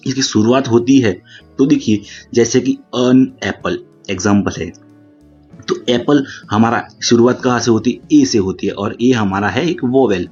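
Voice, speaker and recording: A man teaching English grammar from notes, often saying "look" and slowing down to read English rules aloud. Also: fairly low pitch, darkish tone. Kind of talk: explaining lesson with notes. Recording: dull lo-fi audio with faint music.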